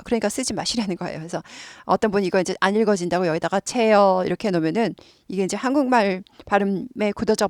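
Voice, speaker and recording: A woman's voice: mid-range voice, no echo, clean studio sound. A woman teaching an English lesson, explaining patiently and repeating words many times for learners to copy.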